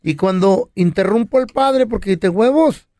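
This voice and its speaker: High-voiced playful Mexican radio host. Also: male voice, lively intonation, normal speed, no echo, clean studio sound. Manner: playful storyteller, slangy. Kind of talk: joking anecdotes on morning radio.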